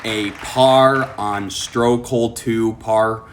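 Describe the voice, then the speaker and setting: A man's voice: lowish voice, steady tone, takes it slowly. A young adult man chatting to his viewers while playing golf outdoors, in a casual, rambling way. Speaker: golf vlogger. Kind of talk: casual vlog commentary. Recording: outdoor noise in background.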